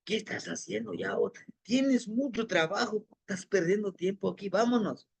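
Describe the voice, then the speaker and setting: A man's voice: high-pitched, vocal fry, slightly rough, voice pushed up, full character voice. A man voicing his own nagging inner voice, a restless alter ego that scolds him to get back to work. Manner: hurried, scolding.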